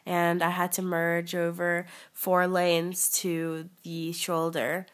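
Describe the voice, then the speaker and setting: A woman's voice: on the low side, monotone, slow pace. Young woman rambling through a wry story. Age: young adult. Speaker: podcast guest. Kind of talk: casual chat.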